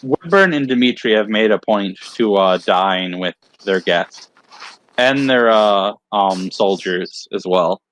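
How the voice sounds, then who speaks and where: A man's voice: lowish voice, animated, slow pace, fairly bright tone, poor audio. A man narrating as the game master of a tabletop game, hesitant and full of fillers. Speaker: dungeon master.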